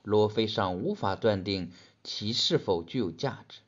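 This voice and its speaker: A man reads a story aloud for practice in a low, measured voice. The recording is muffled and lo-fi, with little top end. He sounds like a student sharing his reading. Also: expressive. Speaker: student reader. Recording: dull lo-fi recording.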